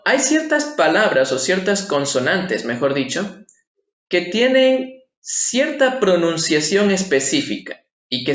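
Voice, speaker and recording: A man gives a patient online language lesson, his fairly high voice stopping often to ask his viewers rhetorical questions. The room has a noticeable echo. The sound is somewhat dull and lo-fi. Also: fairly bright tone. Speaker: language teacher. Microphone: screen-share voice-over.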